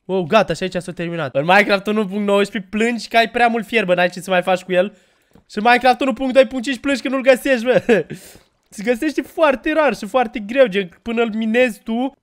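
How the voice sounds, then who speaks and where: A young man hosting a gaming video, chatting casually and jokily to viewers and yelping when startled. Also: sits high. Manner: excitable, jokey, yelps when startled, chatty asides to viewers. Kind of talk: casual gameplay commentary.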